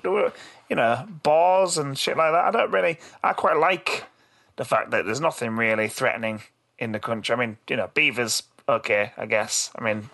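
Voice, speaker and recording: A man's voice: medium pitch, normal speed, vocal fry, a bit bright. A man with a British accent co-hosting a podcast in casual chat, rambling and self-deprecating, with plenty of swearing. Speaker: podcast co-host.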